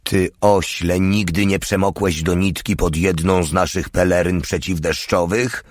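A man's voice: sits low, steady tone, a little slow. A man reading the lines of a crude, short-tempered soldier who mocks and swears at his comrades. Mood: mocking, angry. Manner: coarse, mocking, swearing.

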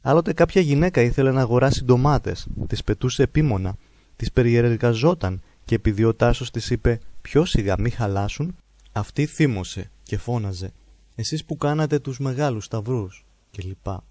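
A man calmly narrating a biography in a slow, measured, reverent reading. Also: medium pitch, no echo. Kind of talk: calm biographical narration of a holy man's life.

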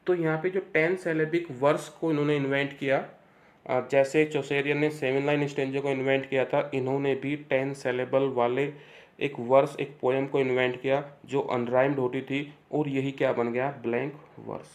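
A man giving an exam-prep literature lecture, reading English lines slowly, explaining them, and asking and answering his own questions. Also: mid-range voice, little pitch movement. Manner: reads English lines slowly, then repeats key terms.

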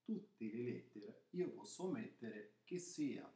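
Guy slowly explaining letters, keeps asking ok?, sounds a bit far off in an echoey room. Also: mid-range voice, animated, mellow. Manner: repeats "ok?" to check understanding, some false starts. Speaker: Arabic teacher. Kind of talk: informal lesson explaining the alphabet. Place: room, writing on paper at a table.

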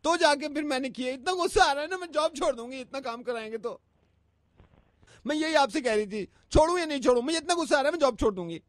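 A woman's voice: high-pitched, expressive, quick pace, no room sound. A woman making a prank phone call, complaining in a whiny, repetitive, over-dramatic way. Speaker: radio prank caller.

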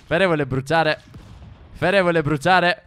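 A young man co-hosting a gaming channel, trading loud exclamations and teasing in excited co-op play. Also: on the high side, unhurried, clear, resonant tone. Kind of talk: excited co-op gameplay banter.

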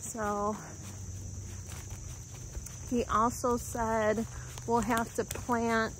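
A woman calmly narrating a walk through her woods, pausing often as she points out plants and animals. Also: fairly high pitch, slight background noise, low-quality recording. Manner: calm, unhurried, pausing often. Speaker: homestead vlogger. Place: outdoors in woods by a creek. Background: faint insects and outdoor ambience.

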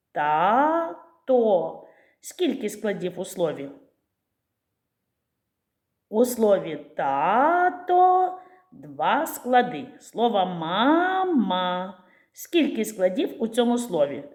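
A woman teacher with a Ukrainian accent giving a preschool literacy lesson in a slow, clear, sing-song voice to small children. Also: mid-range voice, dark tone.

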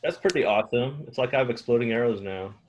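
A man's voice: medium pitch, quick pace, dull audio, a little hiss or hum. Easygoing man talking through a board game. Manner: relaxed, thinking aloud, chuckles. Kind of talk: casual game chat.

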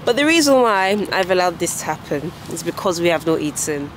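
A woman's voice: lowish voice, big pitch swings, a little fast, slight background noise. A young woman, chatting casually and teasing while vlogging from a car. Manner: chatty, laughs often, teasing. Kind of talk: casual vlog chat. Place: inside a car, later a bedroom.

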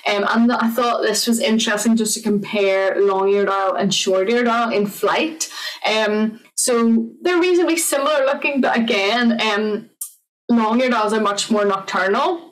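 A woman's voice: fairly high pitch, a little slow, recorded from a distance, poor audio. Chatty woman presenting. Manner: chatty, filler-heavy, friendly explaining. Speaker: conservation officer giving an online talk. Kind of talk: informal online presentation.

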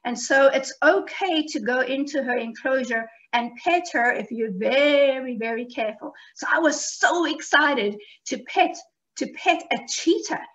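A woman who writes children's books talks to young listeners in a gentle, simple, expressive way, like a teacher. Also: high-pitched, a little slow, lo-fi sound. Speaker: children's book author. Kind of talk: talk to children.

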